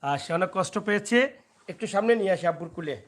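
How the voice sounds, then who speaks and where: High-voiced father vlogging. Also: expressive, racing. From Sylhet, Bangladesh. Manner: coaxing and teasing, talking to his child and to viewers in turn. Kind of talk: casual family vlog.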